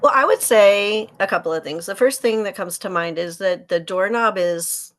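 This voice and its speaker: A woman's voice: mid-range voice, moderate pace. A woman in her sixties, a guest on a faith podcast, telling her story in an earnest, joyful way. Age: 60s. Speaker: podcast host, author and speaker, as guest. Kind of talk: faith-based conversation.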